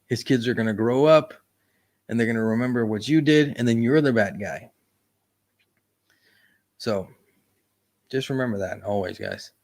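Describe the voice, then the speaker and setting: A man's voice: mid-range voice, normal speed, long pauses, darkish tone. A man hosting a casual livestream chat, rambling in a laid-back way and often tossing in "man.". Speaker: YouTube livestream host.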